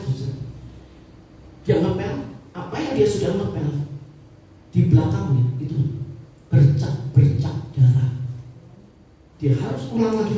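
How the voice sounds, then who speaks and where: Lady pastor preaching, voice jumps up and down a lot, far off mic, faint hiss. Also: sits low. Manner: animated storytelling with exclamations. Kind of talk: sermon. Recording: echoey hall from far off, faint noise.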